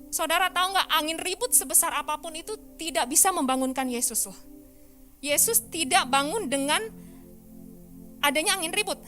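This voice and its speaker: A woman pastor giving a lively sermon in church, often asking the congregation questions. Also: high-pitched.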